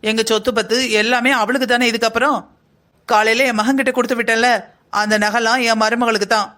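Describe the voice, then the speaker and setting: A man's voice: extremely high pitch, little pitch movement, brisk, pushed and bright. [name], a man voicing a stern mother-in-law. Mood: proud. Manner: bossy, firm, declaring. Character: proud stern middle-aged mother-in-law. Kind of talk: cartoon family drama voice acting.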